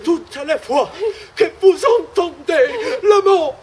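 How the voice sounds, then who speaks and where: A man, an actor, coaching a live audience through call-and-response in an animated way. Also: extremely high pitch, takes it slowly, slight background noise. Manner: animated, coaching the crowd, mixing Italian words. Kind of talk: live children's theatre audience warm-up.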